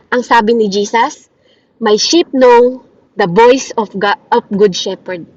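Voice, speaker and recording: A woman preaching a daily devotion in an earnest way. She keeps checking in with listeners through short rhetorical questions and slows down on quoted verses. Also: high voice, dry recording, dull audio.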